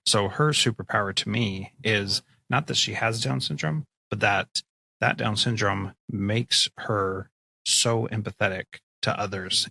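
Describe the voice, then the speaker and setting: A middle-aged man hosting a podcast interview, talking in an earnest, expressive way. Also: on the low side, creaky, no echo, low-quality recording. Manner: earnest, expressive, animated when telling stories. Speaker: podcast host, school principal. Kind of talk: conversational interview.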